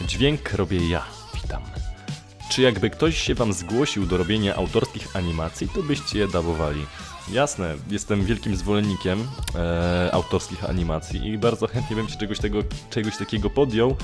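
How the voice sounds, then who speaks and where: A young adult YouTuber and amateur dubbing voice actor with a fairly low voice answers viewer questions in a casual vlog, hesitant, frequently correcting himself, informal and sometimes swearing. He's close to a desktop condenser mic with a pop filter in a small room at home, with music in the background.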